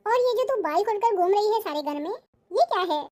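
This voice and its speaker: A shrill, bossy old grandmother in a cartoon, voiced by a woman. She speaks with an Awadhi-tinged Hindi accent. Her voice is very high, and she scolds sharply. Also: lively intonation, a little fast, a little mellow. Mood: scolding. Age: older. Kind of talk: cartoon voice acting.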